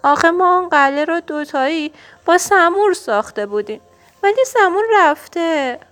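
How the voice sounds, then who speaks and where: A woman's voice: fairly high pitch, animated, a bit bright, soft background music. A woman reading a storybook, voicing a grumpy young boy turtle who whines and sulks. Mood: tearful. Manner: sulky, whining.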